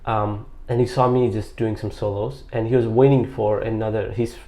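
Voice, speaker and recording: A warm, lowish male voice with little pitch movement moves at a moderate pace. The speaker, a Bangladeshi squash coach in his late twenties, is an interview guest telling his story in a rambling way, filled with fillers and restarts.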